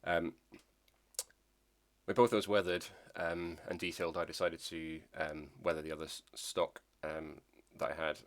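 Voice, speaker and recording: His voice extremely low and still nasal from a cold, a Scottish man talks casually about his model railways in a hobby video. He keeps an even, flat tone but hesitates a lot, pausing, saying um, and starting his sentences over.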